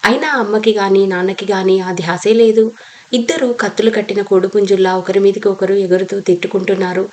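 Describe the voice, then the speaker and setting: A woman's voice: mid-range voice, fairly even intonation, a little fast, darkish tone. A woman reading a novel aloud as an audiobook narrator, telling the story steadily and reading every character's lines in her own voice.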